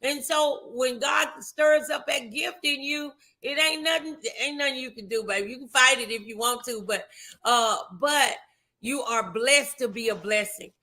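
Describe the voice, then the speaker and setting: Hosting a motivational morning show, a woman with a high, sharp-toned voice speaks at a moderate pace in a fervent, affectionate, preacher-like manner. She moves between casual conversational talk and prayer.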